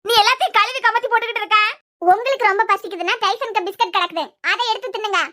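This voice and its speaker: A performer voicing a quarrelsome cartoon housewife with a Kanyakumari Tamil accent, scolding in sharp retorts. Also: fairly even intonation, racing. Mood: bickering. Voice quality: very high, squeaky cartoon voice. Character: quarrelsome housewife of a joint family. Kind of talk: cartoon web series dialogue.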